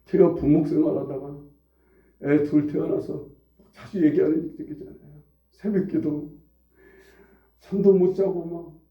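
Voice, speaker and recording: Brief: male pastor in his forties, conversational sermon, slightly high voice, dull and echoey church recording from far off. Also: fairly even intonation, a little slow, long pauses. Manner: conversational preaching, swings from hushed to loud and high. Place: church sanctuary.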